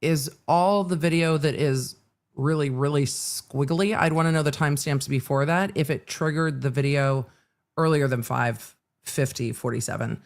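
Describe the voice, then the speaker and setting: A man with a somewhat high voice comments live on a trial as a streamer. He speaks casually, dropping informal asides to explain things to listeners. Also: moderate pace. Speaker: livestream commentator.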